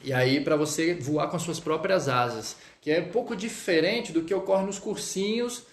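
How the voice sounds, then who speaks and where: On a relaxed live stream recorded in an echoey room, a Brazilian man teaches French in a Brazilian Portuguese accent, speaking at a moderate pace with a fairly high pitch. He's chatty, reads viewer comments aloud, and keeps checking in with "tá?".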